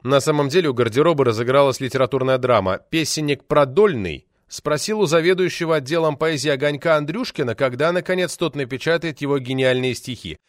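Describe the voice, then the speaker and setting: A man narrating an audiobook in an ironic, lively storytelling manner. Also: mid-range voice, fairly quick, hardly any pauses, dry recording, clean studio sound.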